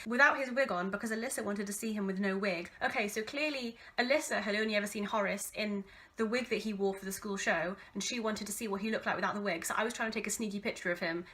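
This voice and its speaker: A woman in her twenties with an English accent reads from an old diary with casual asides, in an animated, self-mocking, theatrically exasperated way. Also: medium pitch. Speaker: vlogger reading her old teenage diary.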